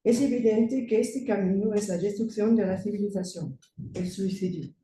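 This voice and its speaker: A woman with a German accent reads an academic paper in a very soft, dark tone. Her delivery is careful and a little halting. She is picked up from a distance in an echoey room with faint noise. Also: mid-range voice. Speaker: conference speaker. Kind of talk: scripted academic paper read aloud. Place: conference room.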